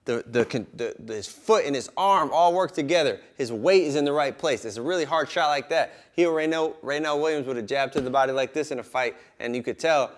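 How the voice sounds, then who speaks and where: A man's voice: brisk, hardly any pauses. A man coaching boxing drills hands-on, talking informally and repetitively with "right?" tags and punctuating his instructions with vocal punch sounds. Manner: punctuates talk with vocal punch sounds like whoop, bang, boom; repetitive, informal phrasing with frequent 'right?' tags. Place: boxing gym. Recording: clear background noise in a gym.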